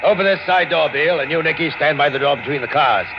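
A cold gang boss in old radio serial style. He barks quick, menacing orders in a gravelly voice over clear vehicle noise on a dull recording. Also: on the high side. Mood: cold menace. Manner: curt, menacing, giving orders. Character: cold, commanding male gang boss villain. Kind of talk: 1950s radio adventure serial acting.

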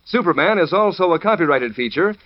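Lively American man, folksy radio pitchman. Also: brisk. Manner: chatty, salesmanlike. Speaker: commercial announcer. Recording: dull old radio broadcast recording.

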